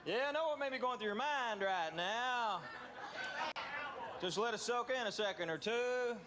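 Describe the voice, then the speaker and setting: A man's voice: extremely high pitch, expressive, normal speed. A man with a folksy Appalachian drawl doing stand-up comedy, chuckling between his lines. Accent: Appalachian, Southern US hillbilly drawl. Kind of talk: stand-up comedy to a live audience. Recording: noisy live club with crowd.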